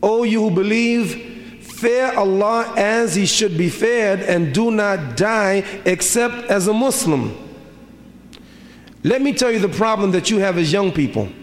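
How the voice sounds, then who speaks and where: A man's voice: high-pitched, animated, measured pace. Man preaching in a reverberant hall. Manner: rhythmic preaching with repeated rhetorical questions. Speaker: imam. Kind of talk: sermon. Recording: reverberant hall, faint ambience.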